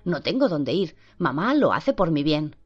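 Un chico asustado y dolido, en boca de una lectora de voz baja, habla con frases cortas y entrecortadas. La grabación es sorda, con una música suave por detrás. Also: female voice, deep voice, sing-song, unhurried, slightly rough, heavily acted. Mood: fearful. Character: frightened abused young boy recounting. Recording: dull lo-fi with faint music.

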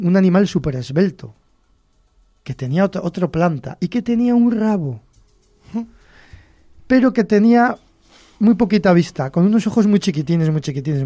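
A man with a Cantabrian accent hosts a folklore show, spinning short folk tales in a chatty, folksy manner with many chuckles. His voice is mellow and warm in tone, sitting fairly high. The recording is dry and close. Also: dry recording. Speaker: host. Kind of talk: storytelling folklore podcast.

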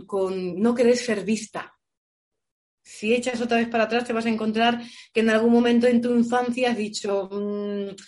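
A woman voice coach answering audience questions with lively, expressive advice. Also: fairly high pitch. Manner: warm, expressive, illustrates with shouts and playful voices. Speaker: voice coach guest.

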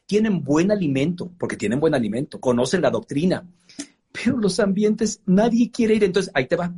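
A man who is a pastor, retelling a Bible story in a lively conversational way with joking asides. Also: high-pitched, normal speed, breathy edge.

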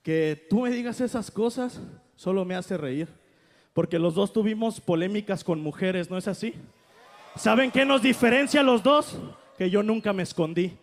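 A man in a live freestyle rap battle, firing off aggressive rhymed taunts and breaking into shouts. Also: high voice, moderate pace. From Mexico. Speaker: battle rapper. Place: live event stage. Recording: loud hip hop beat behind the voice. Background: loud hip hop beat.

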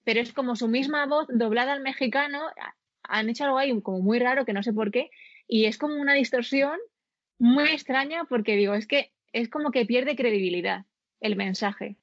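A woman's voice: a little high, a little fast, no echo. Hesitant woman, dry muffled recording. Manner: thoughtful, hesitant with many fillers. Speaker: interviewee, voice-acting student. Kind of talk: conversational interview.

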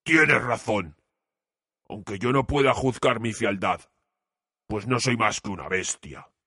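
A man reading a storybook aloud, voicing a gentle, sorrowful beast who speaks slowly and humbly. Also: fairly low pitch, slightly rough, no echo, clean studio sound, heavily acted. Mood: tender, pleading. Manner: slow, heavy, pleading.

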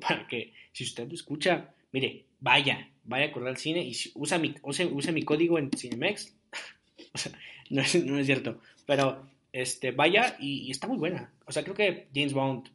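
A man's voice: medium pitch, fairly bright tone. Chatty young man podcasting. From Jalisco, Mexico. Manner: rambling, chatty, many fillers. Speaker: podcast host. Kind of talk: casual solo podcast monologue.

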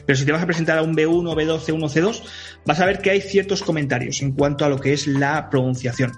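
A man's voice: fairly high pitch, fast, faint music behind. Explanatory Spanish-male teacher. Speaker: Spanish teacher and exam examiner, podcast host. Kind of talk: podcast intro and interview answers.

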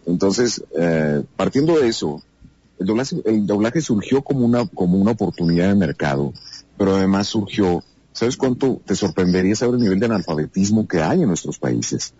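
A man's voice: low voice, normal speed, slightly rough, dry recording, highs cut off. A man with a Mexican accent, a voice actor guesting on a podcast, telling stories and acting out the dialogue he quotes. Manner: animated storyteller who acts out quoted dialogue. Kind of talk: casual podcast interview.

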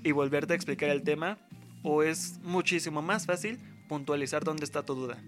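Over music, a young adult man with a Mexican accent talks at a normal pace in a higher-pitched voice. The university student keeps it casual, rambling and slangy. He acts out what other people said as part of his story.

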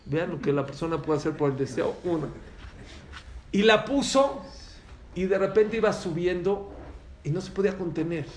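A man's voice: high-pitched, animated, normal speed, pauses often, reverberant, slight background noise. A man teaching a religious lesson to a live audience, telling stories animatedly and questioning his listeners.

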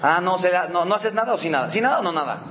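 A man's voice: high-pitched, expressive, racing, a bit bright. A man with a Mexican accent leading a motivational seminar, teasing the audience with rhetorical questions. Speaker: motivational speaker.

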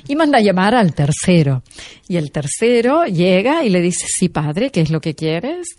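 Woman, lowish voice, dry close sound, lively storyteller who acts out dialogue. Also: moderate pace, no room sound. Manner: animated, acts out quoted dialogue. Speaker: guest expert. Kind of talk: conversational storytelling.

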